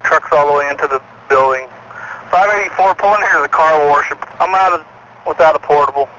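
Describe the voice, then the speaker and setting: A man's voice: on the high side, brisk, fairly bright tone. A man acting as fire chief at an incident, giving terse commands and reports over a two-way radio. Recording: dull scanner radio with faint vehicle noise.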